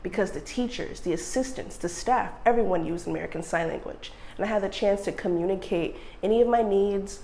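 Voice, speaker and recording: A woman sign language interpreter speaking in the first person, measured and earnest, with steady pauses. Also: medium pitch, a little hiss or hum.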